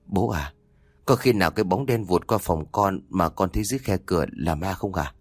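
A man's voice: fairly high pitch, expressive, a little fast, no room sound, faint music behind, voice pushed up. A man voicing a frightened young daughter who pleads with her father about a haunted house. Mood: fearful. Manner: pleading, insistent.

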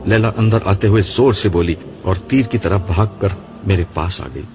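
Deep-voiced man narrating an audiobook. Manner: measured, storytelling. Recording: reading with music bed.

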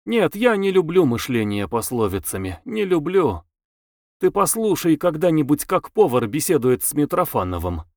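A male audiobook reader voicing a weary young wife who speaks softly, thoughtfully and with dry irony. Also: on the high side, sing-song, normal speed, no echo, voice pushed up. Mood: musing. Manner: soft, thoughtful, wryly ironic. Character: weary, ironic young wife, quiet and reflective. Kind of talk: audiobook character voice.

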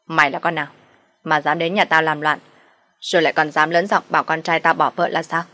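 A woman's voice: sits low, fairly even intonation, brisk, fairly bright tone, slightly rough. A woman voicing a stern, domineering older mother-in-law who scolds sharply and speaks with contempt. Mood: scolding.

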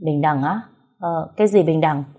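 Woman as calm young boyfriend in an audio story, soft, lowish voice. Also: normal speed. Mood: calm teasing.

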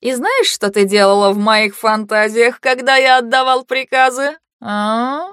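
A woman voicing a mocking, panicky young nobleman who swings from sneers to shrill outbursts, in a storybook reading. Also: steady tone, a little slow, a bit bright, smooth, no echo, studio quality. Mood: leering.

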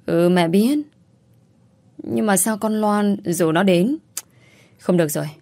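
A woman's voice: mid-range voice, slow pace, a little mellow, no echo. A woman voicing a worried, protective mother-in-law over sixty in a told story. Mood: concerned. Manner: concerned, protective. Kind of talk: storytelling, acted dialogue.

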